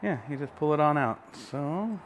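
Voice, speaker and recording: A man with a slightly raised pitch talks through his welding work in a relaxed, folksy manner. He is in a home workshop, and a faint shop hum is audible behind him. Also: normal speed. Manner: folksy, easygoing, talks while working. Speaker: home welder and mechanic. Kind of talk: casual workshop how-to vlog.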